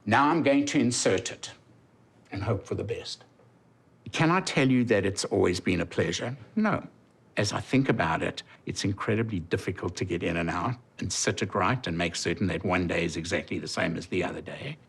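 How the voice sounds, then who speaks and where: A man's voice: deep voice, moderate pace, vocal fry, husky. A man of about sixty with a South African accent, frankly and wryly telling his story in a documentary interview. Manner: frank, wry, chatty. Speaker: prosthetic eye patient. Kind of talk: documentary interview and self-narration.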